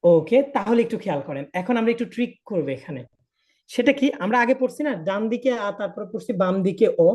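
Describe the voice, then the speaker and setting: A man's voice: sits high, animated, fast, a little mellow. A man teaching a live online language class, patiently repeating each point and checking that students follow. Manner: patient, drills by repetition and checks understanding.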